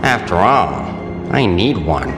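Comic-book clown villain: theatrical menace, huge pitch swings, drawn-out taunts, echo and loud music around him. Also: male voice, very animated, full character voice. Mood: sly, lecherous. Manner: taunting, drawn-out showman delivery. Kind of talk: audio drama acting. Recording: echoey, with loud music underneath. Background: loud dramatic music.

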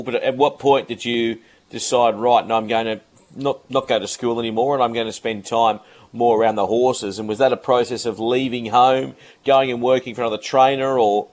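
A man's voice: mid-range voice, darkish tone. A man hosting a radio interview, friendly, with long rambling questions. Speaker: radio show host.

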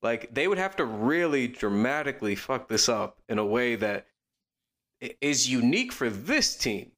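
A man co-hosting a podcast, talking casually about basketball in a quick, rambling way with lots of fillers and restarts. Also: medium pitch, big pitch swings, fairly bright tone. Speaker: podcast co-host. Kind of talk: casual sports chat.

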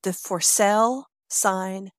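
Female co-host, mid-range pitch, casual blunt commentary, dry close recording. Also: slow pace, no echo. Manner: chatty reactions and blunt asides. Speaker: true crime podcast co-host. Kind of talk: casual chat.

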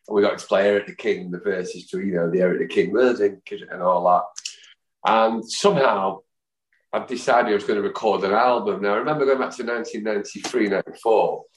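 Manc bloke in his 50s, chatty rambling storyteller, lowish voice, roomy echo. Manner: rambling, chatty storyteller who acts out quotes. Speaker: guest, fan songwriter. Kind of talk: anecdotal storytelling in a podcast chat.

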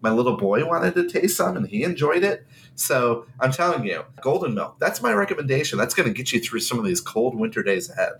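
A man's voice: mid-range voice, big pitch swings, brisk, creaky, fairly bright tone, a little hiss or hum. Male podcast co-host, congested, emphatic and enthusiastic. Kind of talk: casual podcast chat.

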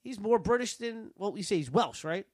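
A man's voice: sits high, expressive, no echo, studio quality. A man hosting a trivia podcast, asking questions and explaining in casual, chatty talk. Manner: chatty, explaining, quick to laugh. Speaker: podcast host, quizmaster.

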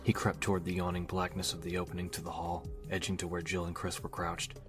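A man reading a novel aloud as an audiobook narrator, telling the story in a steady, even way. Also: deep voice, fast talker. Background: music.

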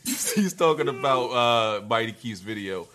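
A man hosting a casual livestream reads viewers' super chats aloud, adding dry, laid-back remarks. His mid-range voice is animated and a bit bright, at a measured pace.

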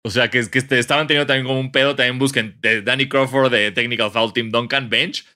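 A man's voice: medium pitch, brisk. A young man with a Mexican accent, co-hosting a podcast and telling stories in casual, slangy chat. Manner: slangy, animated storytelling. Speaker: podcast co-host.

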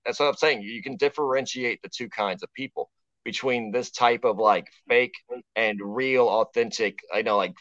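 A man's voice: medium pitch, fairly bright tone, no echo. Texan man, podcast guest, profane and emphatic, dull lo-fi sound. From Texas. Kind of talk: casual podcast conversation. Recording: dull, dry lo-fi remote audio.

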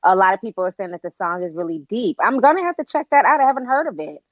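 A woman's voice: mid-range voice, expressive, fast talker, dry recording. A woman hosting a live call-in show in a casual, polite, conversational way. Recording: slightly dull, lo-fi sound.

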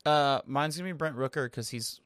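A man co-hosting a casual sports podcast, laid-back and slangy, often trailing off quietly. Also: on the high side, a little fast. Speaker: podcast co-host.

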